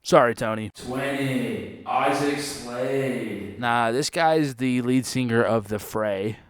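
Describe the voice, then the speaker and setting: A man's voice: mid-range voice, slow, no room sound, clean studio sound. A man hosting a casual ranking commentary, sarcastic and joking, with playful jabs. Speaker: host.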